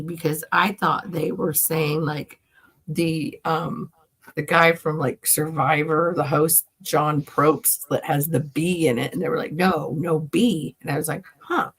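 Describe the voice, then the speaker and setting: A woman's voice: low-pitched, measured pace, fairly bright tone, breathy edge. A woman in a casual chat, talking in a joking, salty, rambling way.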